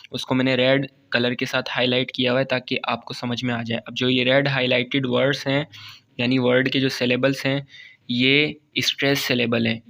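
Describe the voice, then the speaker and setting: Steady, flat-voiced male teacher. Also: mid-range voice, vocal fry. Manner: patient, repeats each term and adds "theek hai" often; reads English definitions aloud slowly, then explains them. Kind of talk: slide-based grammar lesson.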